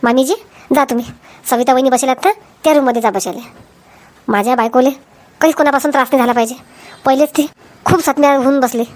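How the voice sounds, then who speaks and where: A woman's voice: high voice, fast talker, pauses often, a little mellow, close to an everyday voice. A woman voicing a worried young married man in a cartoon, speaking earnestly in a Varhadi Marathi accent. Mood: protective.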